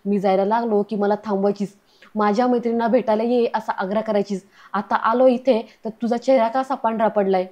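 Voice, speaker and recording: A two-faced young man from a television serial, controlling and cold in private, smooth and courteous in company, read out by a woman. The voice is mellow and fairly flat. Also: high-pitched, a little fast, natural voice. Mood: menacing. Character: two-faced young man, menacing then fake-polite.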